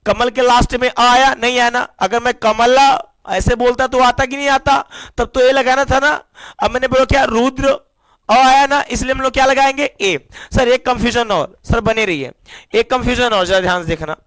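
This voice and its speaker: High-voiced energetic teacher. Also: male voice, normal speed, dry recording. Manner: energetic call-and-response questioning. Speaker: English teacher. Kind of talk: classroom lesson.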